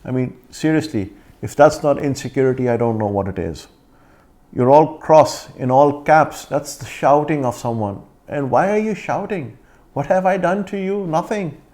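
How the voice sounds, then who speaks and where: Man, accented, indignant rebuttal vlog, fairly high voice, confrontational. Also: moderate pace, darkish tone. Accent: foreign accent. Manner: indignant, confrontational, addresses critic directly. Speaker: vlogger.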